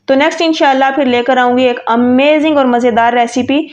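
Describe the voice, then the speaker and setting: A woman's voice: high-pitched, fairly even intonation, a little mellow, lo-fi sound. A woman from Pakistan narrating a cooking tutorial as the channel host, friendly and instructive, with English words mixed into her talk.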